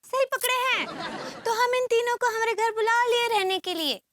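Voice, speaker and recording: A naive young village wife, in a very high and bright voice. She speaks innocently and sing-song, mixing up her words, in a TV sitcom scene. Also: moderate pace, some chatter behind.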